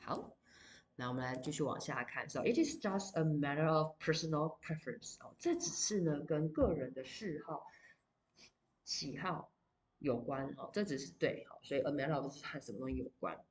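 A woman with a low-pitched voice teaches English vocabulary to high school students. She explains each word patiently in Mandarin, then reads the English example sentences slowly and deliberately. She checks in with the class often as she goes. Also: lively intonation. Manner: addresses students directly with fillers like 好 and 哦. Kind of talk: recorded vocabulary lesson.

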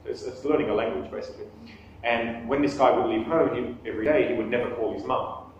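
A man in his thirties talks fast in a steady, mid-range voice, and the audio is dull. Addressing a small audience in a conversational live talk with questions, he jokes about himself and restarts sentences frequently. He's captured by a camera on a table across a small meeting room, so he sounds distant and very echoey, with faint background noise.

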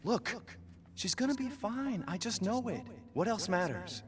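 A man's voice: high-pitched, very animated, measured pace. An actor playing a worried young father in a video game, speaking earnestly and pleading. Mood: reassuring, pressing. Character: worried young father searching for his baby daughter. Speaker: game protagonist. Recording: game audio under loud music.

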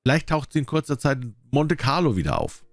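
A man's voice: mid-range voice, very animated, a little fast, vocal fry, no echo, clean studio sound, faint music behind, pitched above the performer's own voice. A man voicing a skeptical, middle-aged police chief in an audiobook, dismissive and weary. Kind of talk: audiobook character voice.

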